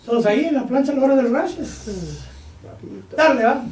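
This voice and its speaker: A man preaching a sermon, acting out dialogue and breaking into shouted bursts. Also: very high-pitched, racing. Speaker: pastor. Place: church hall. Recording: echoey hall, distant mic, faint noise.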